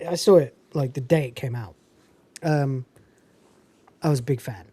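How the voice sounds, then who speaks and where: A podcast host with a husky, medium-pitched voice speaks at normal speed, with no echo. He reviews a film in a relaxed, animated way, swearing at times and impersonating characters when he quotes lines.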